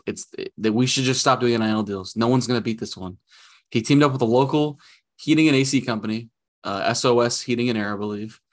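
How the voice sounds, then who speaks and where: A man co-hosting a casual sports podcast, talking in an emphatic, hyped, joking way. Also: mid-range voice. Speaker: podcast co-host.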